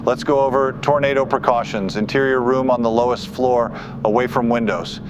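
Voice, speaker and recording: A weather forecaster delivers urgent live tornado coverage off the cuff, sounding grave and insistent. His mid-range voice holds a steady tone at normal speed. The recording is dull and muffled with faint noise.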